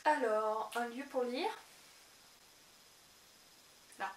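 Young woman book vlogger, chatty and giggly, kinda high voice, slight hiss. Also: very slow. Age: young adult. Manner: chatty, lively, laughs often. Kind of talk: casual chat while taking online quizzes. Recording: echoey room with faint hiss.

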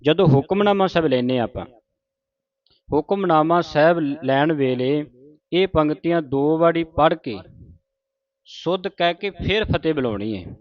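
Man teaching slow scripture recitation. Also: on the high side, expressive, muffled recording. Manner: recites verses slowly, then explains each letter. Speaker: Gurbani pronunciation teacher. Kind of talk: scripture pronunciation lesson.

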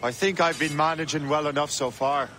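A man's voice: fairly high pitch, steady tone, fairly quick, pushed and bright, slight background noise. An actor playing a wry young male assassin recruit who jokes with his teachers. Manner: wry, joking.

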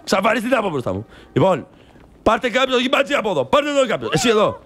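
A man streaming a game role-play, scolding and yelling at the others in character. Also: sits high, sing-song. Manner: exasperated, scolding, often shouting.

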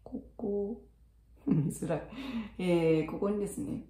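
A middle-aged woman teaching in a casual video lesson, chatting with many fillers and sounding out words slowly to show them. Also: on the low side, warm tone, roomy sound, far from the mic. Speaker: English teacher for young children.

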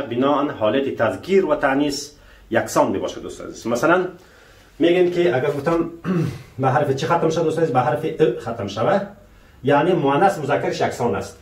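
His voice on the high side and animated, a language teacher explains French grammar in Persian, repeatedly asking his "dear friends" rhetorical questions and reading French examples slowly and carefully. The recording is roomy, with him somewhat far from the mic.

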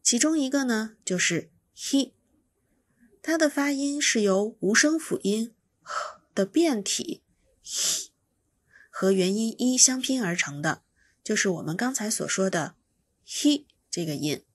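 A woman with a fairly high, lively voice teaches pronunciation at an unhurried pace, patiently explaining each sound and repeating it as a demonstration. The recording has no room sound, and the delivery is a slow instructional explanation.

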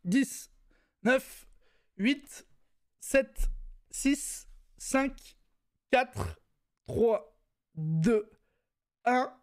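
A man hosting a casual streamed chat, animated and argumentative, often laughing. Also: very high voice, drawn-out words, long pauses. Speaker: host.

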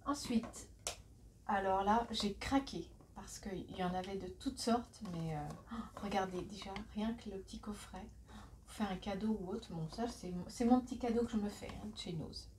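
A woman in her forties chats through a shopping haul at home, filmed on her phone. She talks in a middle-pitched voice, giggles often and teases herself. Faint background noise sits under her voice. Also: normal speed, darkish tone. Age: 40s. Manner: chatty, giggly, self-mocking asides. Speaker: vlogger. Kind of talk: casual shopping haul vlog. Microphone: phone camera.

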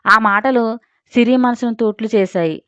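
A woman narrating an audio story in a dramatic, expressive way. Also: on the high side, normal speed, clear, resonant tone, no echo. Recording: dry, slightly dull recording.

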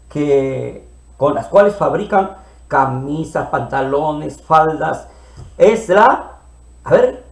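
Guy teaching little kids to read, slow and singsongy, gravelly voice, echoey room. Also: high-pitched. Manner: playful, sounds out syllables slowly and repeats them. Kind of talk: early reading lesson for children.

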